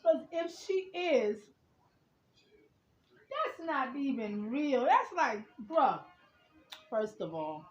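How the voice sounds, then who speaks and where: High-pitched lady going off, cussing a lot, roomy kinda dull audio. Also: extremely slow, long pauses, soft background music. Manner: profane, incredulous, animated. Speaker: vlogger reacting to a radio advice segment. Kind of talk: casual reaction rant. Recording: roomy, slightly dull home recording.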